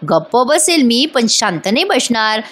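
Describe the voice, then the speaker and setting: A woman voicing a lazy, teasing young male architect in a spoken serial recap, slow and pleading. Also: a little high, big pitch swings, fairly bright tone, heavily acted. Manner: pleading, drawn-out calls for attention.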